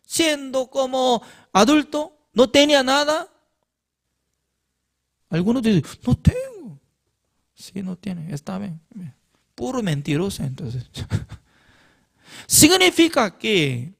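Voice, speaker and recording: Bible class teacher, male, high and very animated pitch, unhurried delivery, reads a verse then explains it piece by piece. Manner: asks the listeners questions and answers them himself; reads scripture aloud, then explains it phrase by phrase.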